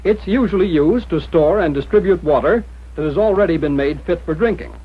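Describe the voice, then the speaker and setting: An American man reading scripted instructions in the formal, measured manner of a 1940s military training film narrator. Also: a little high, husky. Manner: mid-century newsreel-style narrator, formal, measured instruction. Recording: dull, lo-fi 1940s film soundtrack.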